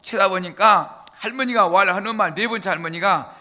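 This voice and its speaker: A male pastor preaching a sermon, telling jokes with drawn-out emphasis. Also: high voice, bright, forceful tone. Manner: humorous storytelling, drawn-out emphasis. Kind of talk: joking sermon.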